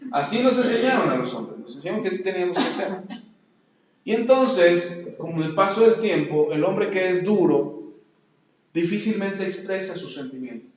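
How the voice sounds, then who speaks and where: A man preaching a sermon as a pastor, swinging from loud emphasis down to soft, low lines. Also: lively intonation, normal speed. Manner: emphatic preaching, rising loud on key words then dropping low and soft. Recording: echoey, dull lo-fi sound.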